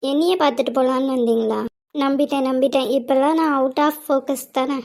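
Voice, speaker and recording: A woman's voice: high voice, fairly even intonation, fairly quick, a little mellow, no room sound, clean studio sound. A young woman voicing a cheerful, teasing young woman in an amateur cartoon. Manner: playful and teasing.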